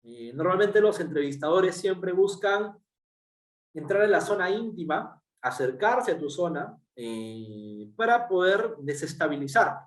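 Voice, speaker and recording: A man with a Peruvian Spanish accent delivers a workshop lecture at a measured pace, his high-pitched voice expressive as he walks through each step. He leans on fillers and tag questions throughout. The mic is distant and the room sounds spacious.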